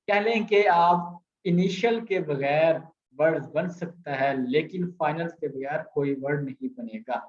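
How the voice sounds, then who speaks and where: On the high side and a little mellow, this man's voice has a Pakistani Urdu accent as he patiently repeats sounds in a language lesson. He explains grammar with screen examples and slips in English, and the sound is echoey and slightly dull.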